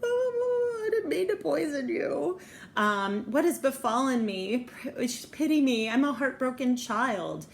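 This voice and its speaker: A woman's voice: high-pitched, sing-song, unhurried, creaky, a little hiss or hum, pitched above the performer's own voice, exaggerated voice. A woman voicing a lonely, heartbroken young woman who begs for pity in tearful, old-fashioned speech. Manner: tearful pleading.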